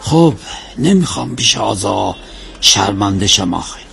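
Casting: a pious, kindly persuader in TV drama, gravelly and very animated, coaxing warmly. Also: male voice, fairly low pitch, faint music behind, heavily acted. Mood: earnest, coaxing. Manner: pleading, familiar, full of blessings. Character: devout, kindly, persuasive errand man helping charity.

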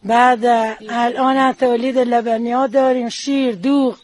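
A woman's voice: on the high side, little pitch movement, a little mellow. A woman who makes dairy products in her village, introducing herself in plain, proud village talk. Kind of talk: casual on-site interview.

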